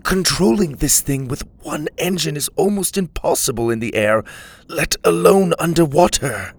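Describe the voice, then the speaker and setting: A man's voice: fairly high pitch, expressive, normal speed, husky, voice pushed up. A man voicing a stern woman pilot. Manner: curt, authoritative.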